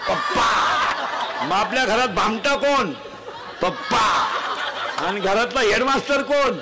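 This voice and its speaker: High-voiced preacher, noisy. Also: male voice, lively intonation, slow. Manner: loud, teasing, quizzes children in the crowd. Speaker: folk preacher addressing a crowd. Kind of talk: humorous moral sermon with call-and-response. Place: outdoor festival gathering. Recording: noisy live crowd recording.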